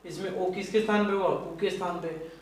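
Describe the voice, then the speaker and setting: A man's voice: sits high, fairly even intonation, brisk. A male teacher giving a grammar lesson, repeating points and quizzing the class with questions. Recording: echoey room, mic far off.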